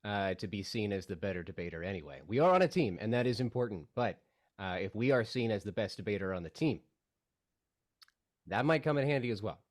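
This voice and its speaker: Relaxed scheming Magician played by a man, smooth talker, lowish. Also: fairly quick, lightly acted. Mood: persuasive. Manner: relaxed and persuasive. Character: laid-back scheming male Magician.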